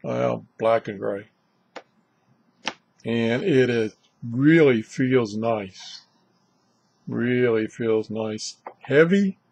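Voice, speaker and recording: An older man hosts a casual, unscripted vlog reviewing shortwave radios, chatting in a rambling way from a small, cluttered radio room indoors. His medium-pitched voice is gravelly, slightly rough, and a little mellow.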